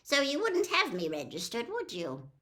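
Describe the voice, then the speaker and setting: A quavery, high, fluttering old lady, nervous and a little batty, as a woman narrator puts her on. Her pitch darts all over the place and the tone is bright. She rushes through rehearsed lines in a flustered gabble. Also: wildly swooping pitch, heavily acted. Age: older.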